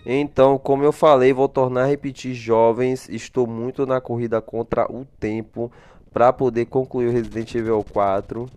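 Over soft background music, a male gaming host talks his viewers through a laid-back gameplay video, chatty and trading questions and answers with himself as he blesses them. His voice is mid-range with a darkish tone, fairly even intonation and normal speed.

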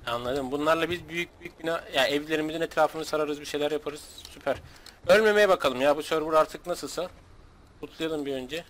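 A man from Turkey hosting a gaming video, chatting casually with a friend while playing, excitable, joking and swearing. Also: on the high side, a little fast, slight background noise. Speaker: gaming channel host.

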